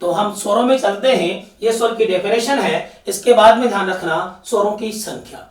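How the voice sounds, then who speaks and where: A man's voice: sits high, moderate pace, distant mic. A male teacher giving a classroom lecture, asking questions and repeating the answers to drill them in. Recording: echoey room, voice off-mic.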